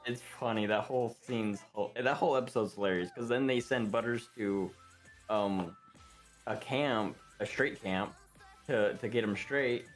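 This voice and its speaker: A man's voice: lowish voice, moderate pace, faint music behind. A man chatting casually on a game stream, rambling and joking with lots of swearing.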